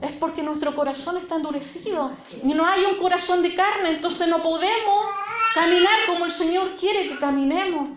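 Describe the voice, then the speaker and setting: A woman's voice: extremely high pitch, moderate pace, slight background noise. A woman preaching a sermon in a church, speaking earnestly and addressing listeners as sister. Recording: echoey church hall, dull sound, congregation.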